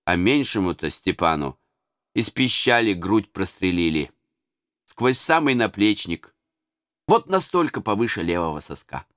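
A man's voice: lowish voice, sing-song, unhurried, a bit bright, dry recording, studio quality. Man doing a humble folksy old servant. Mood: mournful. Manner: folksy, deferential. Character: humble old male servant, plain-spoken. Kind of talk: audiobook character voice.

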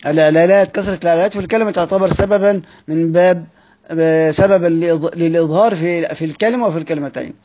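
A man's voice: fairly high pitch, steady tone, very fast, a little mellow. A man with an Egyptian accent teaching Quranic recitation, reading a text aloud and explaining it, repeating phrases and quizzing his listeners. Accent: Egyptian Arabic.

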